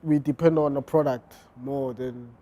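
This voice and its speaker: Man, flat and mellow. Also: medium pitch, normal speed. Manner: hesitant, many fillers and restarts. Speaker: fashion designer, interview guest. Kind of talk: casual interview answers.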